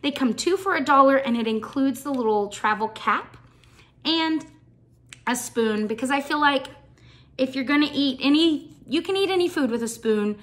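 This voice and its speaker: A woman's voice: high voice, lively intonation, moderate pace. A woman chatting through a show-and-tell vlog as she packs a gift box, enthusiastic and full of ums. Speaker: shoebox packing vlogger.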